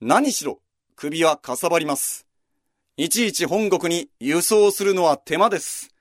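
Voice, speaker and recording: A man's voice: a little high, unhurried, no echo, clean studio sound. A man hosting a history program, narrating a walking route in a scripted but conversational way with casual asides. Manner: lively, conversational storytelling with asides.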